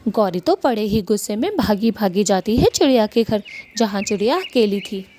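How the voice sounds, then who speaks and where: A woman's voice: mid-range voice, lively intonation, moderate pace, a little mellow, a little hiss or hum. A woman narrating a cartoon story in a plain storytelling manner.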